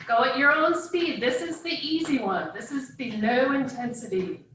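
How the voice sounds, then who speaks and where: A woman's voice: sits high, normal speed, fairly bright tone. A woman fitness instructor leading a live group workout class, giving short, encouraging cues and countdowns. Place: indoors, live video call class. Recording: echoey room, far from mic, faint noise.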